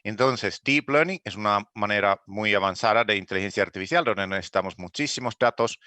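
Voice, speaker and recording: A Finnish man delivers a conference keynote in a language he learned later in life, his voice a little low yet bright. He pauses on fillers and restarts phrases, and the sound is close and dry with no echo.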